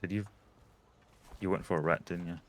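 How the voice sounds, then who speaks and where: A man's voice: sits low, fairly even intonation, normal speed, a little hiss or hum. A man giving casual let's play commentary, thinking aloud as he goes, with game sound behind him. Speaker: gamer.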